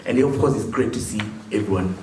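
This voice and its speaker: A man's voice: lowish voice, fairly quick, a little mellow. A man from Kenya, a public commentator welcoming the group in a jovial, welcoming manner. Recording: echoey hall, distant mic, background noise.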